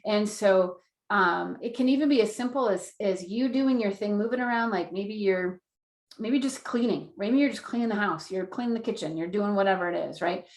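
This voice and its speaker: A woman's voice: medium pitch, moderate pace, reverberant. A woman in her thirties teaching an online class in an earnest, repetitive way and acting out inner voices as she explains. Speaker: Human Design teacher.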